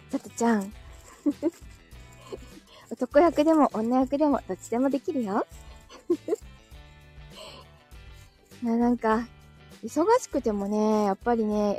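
A woman's voice: a little high, mellow, husky. A woman hosting a casual live audio stream, chatting, reading out listener comments and laughing often, with a dry throat.

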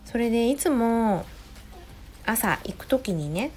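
A woman in her thirties, a mother, talking in a gentle, chatty way in a casual solo audio diary, close to the mic. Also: fairly high pitch, animated, takes it slowly. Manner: gentle, chatty, many soft "ne" tags. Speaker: podcast host, mother of a preschooler. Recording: faint music behind voice.

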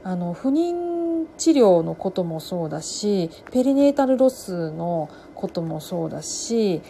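Chatty woman with a mellow voice. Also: fairly low pitch, measured pace, gravelly, slight background noise. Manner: chatty, many fillers, lively swings in loudness. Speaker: podcast host reviewing books. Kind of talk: casual solo talk.

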